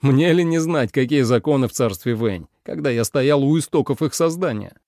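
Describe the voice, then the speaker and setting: A man's voice: mid-range voice, lively intonation, moderate pace, warm tone, dry recording, clean studio sound, lightly acted. A man voicing a curt, mocking young nobleman. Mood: cold. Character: proud young man, sharp-tongued and defiant.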